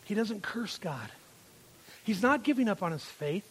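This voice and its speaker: A man preaching a sermon as pastor, emphatic, repeating phrases and swinging from loud to quiet. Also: high-pitched, very animated, unhurried, slightly rough. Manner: emphatic, repeats phrases, rises and drops in volume.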